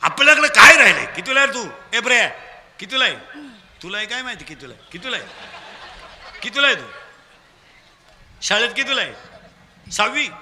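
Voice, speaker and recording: A man with a Khandeshi Marathi accent preaching a humorous kirtan sermon, teasing and drilling children in call-and-response and shouting prompts at them. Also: sits high, sing-song, normal speed, pauses often, in a large hall.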